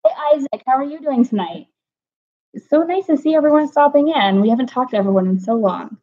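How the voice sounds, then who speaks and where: A woman's voice: high-pitched, expressive, fast talker, dark tone. A woman hosting a casual livestream from home, chatting easily and greeting viewers by name from the chat. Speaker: livestream host. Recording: dull lo-fi livestream audio.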